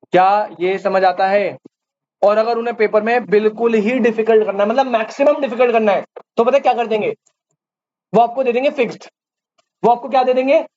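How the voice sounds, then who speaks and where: Teaching commerce to a live class, a man speaks in a very high-pitched voice with a darkish tone. He quizzes the students throughout and repeats the key terms back to them, all captured in dull lo-fi audio with faint hiss.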